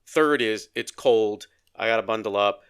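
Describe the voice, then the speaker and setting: A man's voice: lowish voice, moderate pace, clear, resonant tone. A man co-hosting a podcast in casual conversation, telling stories and acting out the dialogue in them. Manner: animated storyteller, acts out quoted dialogue. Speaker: podcast co-host.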